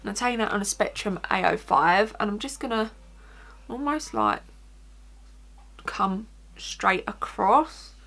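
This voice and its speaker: A woman's voice: medium pitch, lively intonation, a little slow, long pauses, a bit bright. A woman with an Essex accent talking informally through a casual makeup tutorial as a beauty vlogger, often saying "like". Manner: informal, chatty, frequent "like".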